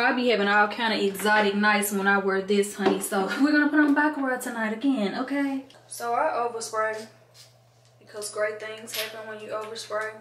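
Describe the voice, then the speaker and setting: A woman's voice: mid-range voice, far from the mic. A young woman vlogger chatting casually in a sassy, playful, slangy way as she gets ready for a night out. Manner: sassy, playful, slangy, peppering talk with "honey". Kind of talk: casual vlog chat while getting ready to go out. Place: small bathroom, indoors. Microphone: camera a step away or handheld. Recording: echoey bathroom, faint background noise.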